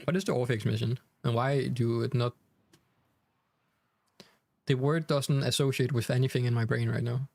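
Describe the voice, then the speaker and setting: This young Danish-accented streamer has a mid-range, slightly mellow voice with fairly even intonation and a moderate pace, pausing often. The recording is dry; he chats with viewers, reads chat aloud, and uses plenty of fillers and restarts.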